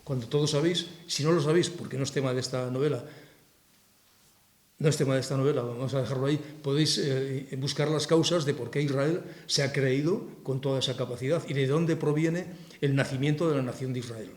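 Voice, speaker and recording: A man's voice: mid-range voice, a little fast. A man with a Castilian Spanish accent presenting his book to an audience in a hall, talking in a forthright, sarcastic and impassioned way. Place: cultural society hall with audience. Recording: roomy hall echo.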